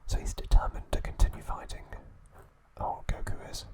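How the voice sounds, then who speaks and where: This is a man's hushed, breathy whisper as he hosts and narrates an ASMR recap. His pacing is gentle, with frequent small halts.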